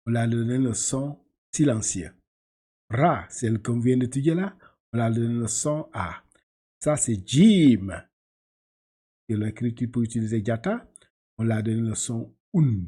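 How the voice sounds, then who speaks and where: A man's voice: mid-range voice, moderate pace, warm tone, husky. A man teaching a class to read Arabic letters, patiently repeating syllables and often laughing as he explains. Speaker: Quran reading teacher.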